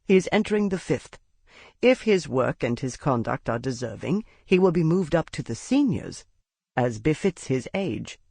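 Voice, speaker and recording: A woman narrator voicing a stern school headmaster who speaks low and formally to a teacher in an audiobook. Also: very animated, moderate pace, vocal fry, a little mellow, slightly rough, dry recording, exaggerated voice. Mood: confidential. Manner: low confidential voice.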